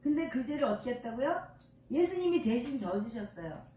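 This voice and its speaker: A woman's voice: fairly high pitch, very animated, fairly quick, mellow, distant mic. Grandmother pastor preaching in an echoey church. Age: older. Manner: call-and-response, quizzing the congregation; folksy, homely examples. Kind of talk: sermon. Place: church sanctuary.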